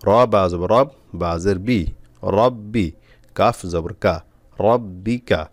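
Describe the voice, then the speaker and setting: A man teaching Quran reading, spelling out letters and syllables slowly with frequent pauses. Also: fairly low pitch, dry recording. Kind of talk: step-by-step spelling lesson.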